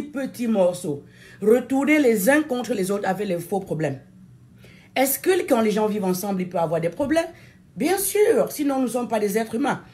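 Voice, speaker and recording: A political activist from Cameroon speaks to viewers with a Cameroonian accent; French is her native language. Her address is impassioned, emphatic, and deliberate, with phrases repeated for stress, delivered in a mellow, medium-pitched voice.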